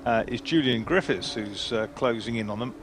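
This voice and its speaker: A man working as a motorsport co-commentator, adding measured, hesitant analytical asides to live race commentary. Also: mid-range voice. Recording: noisy trackside outdoor sound, vehicles behind.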